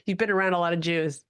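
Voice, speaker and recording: A woman's voice: on the low side, smooth, no echo. A woman hosting a casual interview, affirming her guest and restarting her sentences often. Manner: warm, affirming, with repeated restarts. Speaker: host.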